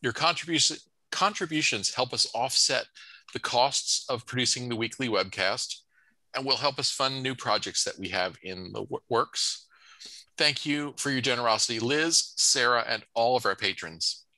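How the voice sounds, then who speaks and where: A man with a very bright, sharp-edged voice co-hosts a webcast, running through announcements and viewer notes. The sound is close and dry, and he delivers it all with low-key humor. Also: moderate pace, no room sound, rough recording. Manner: reads comments and plugs with dry humor. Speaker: co-host.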